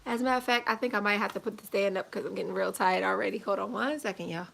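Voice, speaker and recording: A woman's voice: mid-range voice, very fast, gravelly, fairly bright tone. A young woman chatting casually to her viewers in a home pregnancy update vlog, tired and a little out of breath, rambling and laughing often, recorded by a camera set a short way off. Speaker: vlogger. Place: indoors at home, seated in a chair. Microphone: camera set at a distance.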